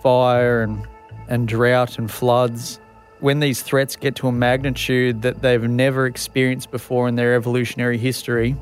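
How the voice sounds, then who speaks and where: Mid-pitched man explaining in an interview. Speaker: conservation scientist interviewee. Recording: faint music behind the voice.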